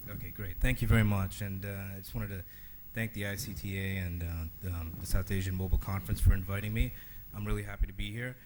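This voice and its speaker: A man's voice: low voice, fairly even intonation, fast talker, background noise. A man from Sri Lanka giving an earnest conference talk, with many fillers and restarts. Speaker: conference keynote speaker.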